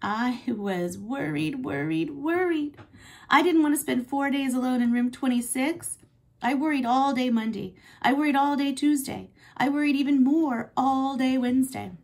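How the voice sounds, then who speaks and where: A fretful young male hamster narrates his storybook worries, with a gravelly edge in a husky voice, as a woman reads him aloud. He frets and dramatizes every turn. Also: high voice, normal speed, voice pushed up. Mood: worried.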